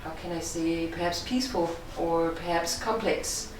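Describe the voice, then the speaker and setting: In an interview, a middle-aged Danish film director calmly and thoughtfully explains her work, her Danish-accented voice somewhat low and fairly even in intonation. A distant microphone captures her in a strongly reverberant room, with faint hiss behind her.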